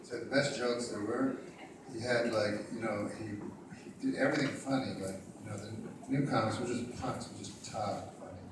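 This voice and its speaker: A man's voice: fairly low pitch, moderate pace, noisy background. A man in his fifties from Canada telling crude, rambling anecdotes at a bookstore talk. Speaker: author at a book talk. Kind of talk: casual storytelling Q&A. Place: bookstore event in front of an audience. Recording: echoey room, distant mic.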